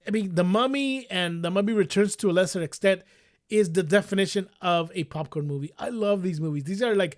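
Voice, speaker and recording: A man hosting a casual movie show, talking loosely with many fillers and restarts. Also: sits high. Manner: rambling, lots of fillers and restarts. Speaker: host. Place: solo show recording.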